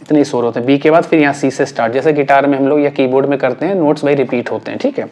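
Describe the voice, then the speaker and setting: A man teaching music theory, explaining slowly and patiently while he writes, often repeating points and checking that his students follow. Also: medium pitch, a little mellow.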